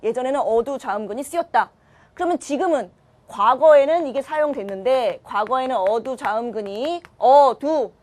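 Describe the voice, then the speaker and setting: A woman's voice: sits high, a little mellow. A woman teaching a grammar lesson online, asking her students questions and answering them herself. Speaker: Korean language teacher.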